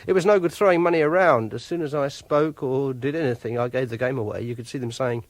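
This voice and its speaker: In a first-person radio drama monologue, an actor voices a lonely, obsessive, self-pitying English clerk who confides in halting bursts. The male voice sits at medium pitch and sounds natural, with no room sound. The mood is awkward and confiding.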